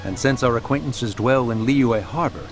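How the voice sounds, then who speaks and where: A man's voice: medium pitch, normal speed, lightly acted. A man voicing Mountain Shaper, a proud, touchy ancient immortal in human form in a video game, with lofty, archaic, formal speech. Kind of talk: English video game dub acting. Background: background music.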